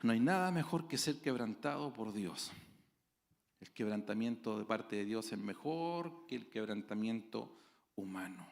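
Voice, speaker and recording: A man preaching a sermon as pastor, dramatic, with sudden loud exclamations and acted-out voices of his congregation. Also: fairly low pitch, lively intonation, unhurried, vocal fry. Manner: acts out quoted voices of congregants.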